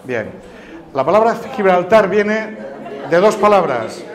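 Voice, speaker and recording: High-voiced man teaching a noisy room. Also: unhurried. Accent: Canarian Spanish. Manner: patient, questioning the audience. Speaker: teacher giving a talk to students. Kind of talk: classroom talk on word origins. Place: large room with an audience. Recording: lively audience noise around the speaker. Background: crowd of listeners.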